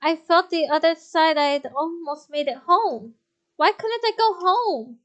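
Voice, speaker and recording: Young female streamer, high voice, expressive narration, blunt asides. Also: measured pace, dull audio. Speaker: game streamer. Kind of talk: reading a visual novel aloud.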